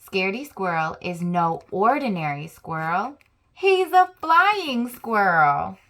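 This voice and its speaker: With a medium-pitched voice and a slow pace, a young adult woman brings a picture book to life for children, full of expression and friendly side comments to the listeners.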